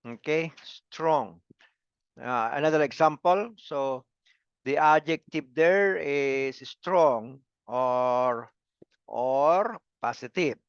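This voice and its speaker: Slow, clear-voiced male grammar teacher. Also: medium pitch, dry recording, muffled recording. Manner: repeats words and syllables, asks "come again". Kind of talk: slow classroom lecture.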